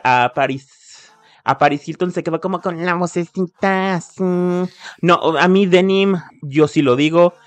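A man's voice: fairly high pitch, no room sound. A man, co-hosting a podcast in casual, opinionated chat. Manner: opinionated, outspoken critic. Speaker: podcast co-host.

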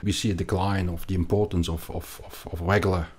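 A middle-aged Belgian man with a Belgian accent appears as a finance guest in a conversational interview, often repeating words and restarting as he explains. His voice sits low with little pitch movement, fairly quick and slightly rough.

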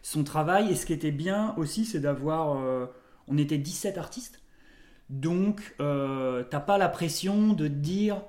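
Man, podcast guest, fairly high voice, relaxed and reflective. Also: unhurried. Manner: relaxed, thoughtful, loose phrasing. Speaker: artist guest. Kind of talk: casual interview chat.

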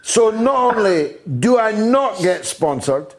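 A man's voice: high-pitched, big pitch swings, takes it slowly. A man hosting a radio phone-in, blunt and emphatic, trading quips with callers. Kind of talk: opinionated talk radio.

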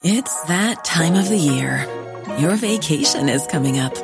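A woman reading a scripted ad in a calm, soothing way. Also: deep voice, measured pace, gravelly. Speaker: ad narrator. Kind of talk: scripted ad read. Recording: voice over music bed.

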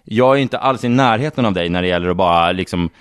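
A man co-hosting a podcast in casual chat, talking slowly with many fillers and restarts. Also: sits low, smooth, no room sound, clean studio sound. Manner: slow, halting, with many fillers. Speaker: podcast co-host.

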